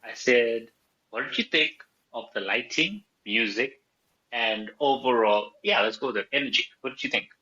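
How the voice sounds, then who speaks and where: A man's voice: medium pitch, moderate pace, sharp tone. A man co-hosting a movie podcast, casually asking questions and steering the chat. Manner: asks questions, drives the talk. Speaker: podcast co-host. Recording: dull lo-fi sound.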